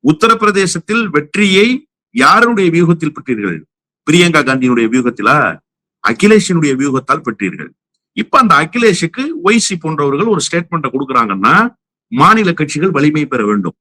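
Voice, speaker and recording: Tamil-accented male pundit, combative, rhetorical barrage, bright forceful voice, dry close sound. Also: fairly high pitch, very animated, moderate pace, no room sound. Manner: combative, fires rhetorical questions. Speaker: political commentator guest. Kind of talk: heated political commentary.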